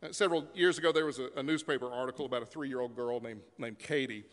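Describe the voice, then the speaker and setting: A man's voice: medium pitch, quick pace. A man preaching a sermon as pastor in a church sanctuary, telling stories in a conversational way with occasional fillers. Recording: long reverb of a church sanctuary.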